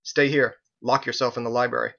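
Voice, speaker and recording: A man's voice: medium pitch, level tone, fairly quick, creaky, a bit bright, muffled recording. A man voicing a tense, guarded young woman fighter who speaks in clipped, commanding lines. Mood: urgent, scolding.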